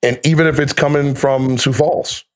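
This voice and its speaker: A man in his fifties, a radio play-by-play announcer, appears as a guest in a casual podcast conversation, telling stories in a laid-back way and laughing easily. His mid-range voice keeps a fairly even intonation at a normal speed.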